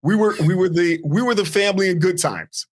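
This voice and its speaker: As a guest on a podcast, a man from the US East Coast (New Jersey, Virginia) tells childhood stories in a casual interview, laughing often and making fun of himself. His voice sits high and moves a little fast.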